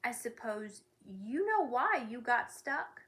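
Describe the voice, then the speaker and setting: A woman voicing a large, impatient watchdog with a ticking clock body, in a storybook reading, gruff and scolding. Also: a little high, sing-song, slow pace, fairly bright tone, exaggerated voice. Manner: growling, barking, scolding.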